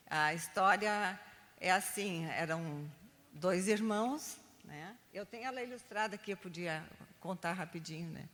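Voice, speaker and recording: A woman's voice: mid-range voice, fairly bright tone, long reverb tail. An older woman training Sunday school teachers, telling stories and checking in with her listeners often. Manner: chatty, keeps adding "né?" tags. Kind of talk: teaching a training class with storytelling.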